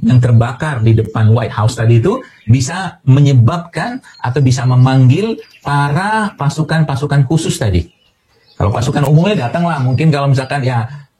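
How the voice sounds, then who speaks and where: A man's voice: mid-range voice, warm tone, husky. A man from Indonesia giving a health talk to an audience as a doctor, explaining with everyday analogies and a lot of fillers.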